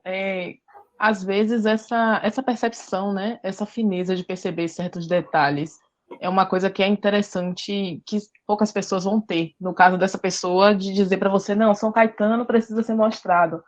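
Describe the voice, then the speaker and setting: A woman's voice: medium pitch, steady tone, moderate pace. A woman hosting a podcast who adds a thoughtful, reflective comment in casual interview chat. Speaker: podcast host.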